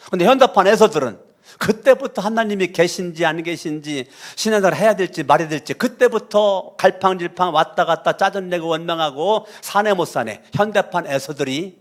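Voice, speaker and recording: A man pastor preaching a sermon, fervent, dropping low and then leading shouted prayers. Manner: leads the congregation in loud shouted prayers; fervent, preaching with dramatic drops and rises in volume.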